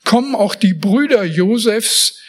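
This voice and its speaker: High-voiced man preaching a sermon. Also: animated, unhurried. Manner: emphatic, speaks straight to listeners with casual asides.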